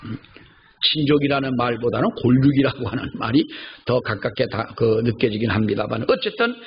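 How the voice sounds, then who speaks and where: A man's voice: medium pitch, expressive, brisk. An older man pastor preaching a sermon in a church, telling stories and repeating key phrases for emphasis. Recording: slightly dull recording, faint background noise.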